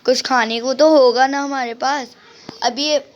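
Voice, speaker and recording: A woman's voice: sits high, fairly even intonation, unhurried, dull audio, slight background noise. A woman host doing game role-play as a poor, devoted mother who talks in a firm, comforting way. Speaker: gaming channel host voicing a family.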